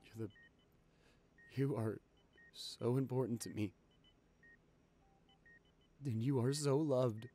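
Boyfriend audio role-play: young man as an anxious, loving partner; gentle, reassuring, ordinary middle pitch. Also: slow pace, long pauses. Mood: tender. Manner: soft, soothing, reassuring. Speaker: voice actor reading a listener script.

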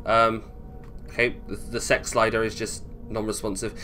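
On the low side and level in tone, this British man speaks at a moderate pace with a bright, forceful delivery. He's a gaming video host offering loose, rambling commentary while he plays, thinking aloud. Video game music runs behind him, with slight background noise.

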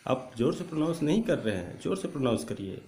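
A male spoken English teacher, drilling letter sounds aloud and urging viewers to repeat them loudly. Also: medium pitch, big pitch swings, fast talker. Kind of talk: online English pronunciation lesson. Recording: echoey room with faint ambient noise.

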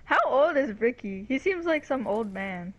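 A woman's voice: fairly high pitch, expressive, normal speed. A woman chatting casually while gaming, giving blunt, laid-back replies. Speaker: gamer. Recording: lo-fi voice chat with faint noise.

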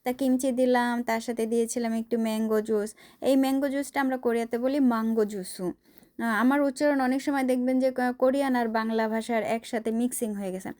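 A woman's voice: on the high side, fairly even intonation, brisk, a little mellow. A middle-aged woman from Bangladesh chatting casually as she cooks in her home kitchen, rambling and talking straight to her viewers. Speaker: cooking vlogger. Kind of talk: casual cooking vlog narration.

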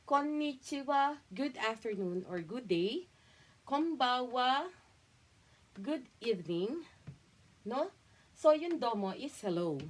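A young woman with a Filipino accent leads a casual language lesson at a middle pitch. She talks in a chatty, informal way and keeps slowing down to repeat each word for her learners. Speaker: language tutor.

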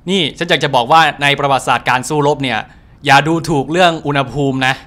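A man hosting a casual let's-play, chatty and energetic, translating game dialogue and swearing casually. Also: mid-range voice, quick pace.

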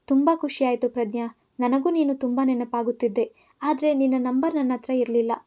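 A gentle young wife from an audio story who talks in a soft, unhurried, reassuring way, as a woman narrator voices her. The voice sits high and light. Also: fairly even intonation, natural voice. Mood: calm. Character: calm, kind pregnant woman, mild and soothing.

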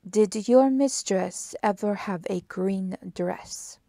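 A woman voicing a fussy, precise older male Belgian detective who asks slow, emphatic questions in a storybook reading. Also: medium pitch, gravelly, warm tone, dry recording. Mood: probing. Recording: dry close audiobook recording.

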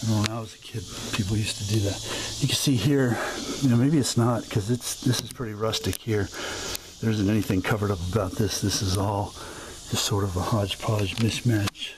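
A man narrating an unscripted walking tour of an old house outdoors, halting with fillers and self-corrections. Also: on the low side, fairly even intonation, noisy background. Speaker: video host touring a historic site. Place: outdoors at a historic house, open grounds.

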